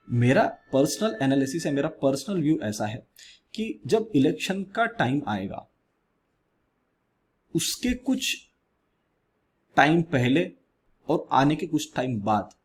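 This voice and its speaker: A man with an Indian accent hosting a weekly market analysis, talking in a measured, explanatory way and speaking softly into a close mic. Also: medium pitch, husky. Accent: Indian English. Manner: measured, explanatory, mixes English phrases into Hindi. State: speaking softly due to ear injury. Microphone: close mic with gain raised.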